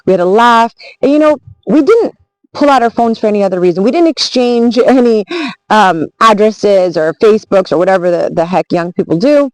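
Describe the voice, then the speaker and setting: A woman vlogger tells a travel story in an earnest, reflective ramble, circling back and restarting as she thinks aloud. Her voice sits at a middling pitch, and the sound is close and dry, with no room around it. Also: lively intonation, a little fast, a little mellow, dry recording, rough recording. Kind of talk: casual storytelling vlog.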